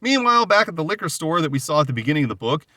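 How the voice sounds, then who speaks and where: Bright-voiced man recapping a comic. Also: on the high side, very animated, rapid-fire, no echo, studio quality. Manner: conversational retelling, paraphrasing dialogue loosely. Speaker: podcast host. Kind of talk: casual comic book recap.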